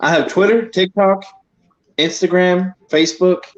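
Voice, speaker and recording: A chatty man in his thirties on a livestream video call, always asking a question. His voice sits a touch higher than most men's. The sound is muffled, lo-fi stream audio. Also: fairly even intonation, unhurried. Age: 30s. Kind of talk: casual chat on a video call.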